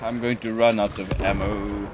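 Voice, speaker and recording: A man co-hosting a gaming video, excitably bantering and swearing through a shooter match on a headset. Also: on the low side, moderate pace, music in the background. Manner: excitable, swearing, self-mocking. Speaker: gaming channel co-host. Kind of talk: casual gameplay banter. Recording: game gunfire noise behind voice.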